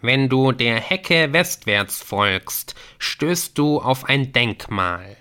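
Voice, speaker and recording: A man's voice: medium pitch, expressive, extremely slow, bright, forceful tone, heavily acted. Man doing a sly giggling messenger. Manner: sly, amused. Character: giggling sly messenger with glowing yellow eyes.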